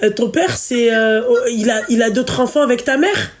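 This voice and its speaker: A woman's voice: on the high side, expressive, moderate pace, faint music behind. Shocked woman swearing in chat. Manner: swears, reacts with shock, stumbles over words. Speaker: friend listening. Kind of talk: casual chat.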